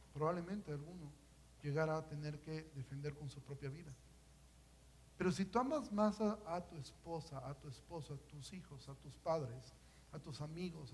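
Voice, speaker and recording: Preaching a sermon in a high, light voice, a man swings between hushed, intimate stretches and loud, climbing passages. He presses the congregation with one rhetorical question after another, on a rough recording with slight background noise.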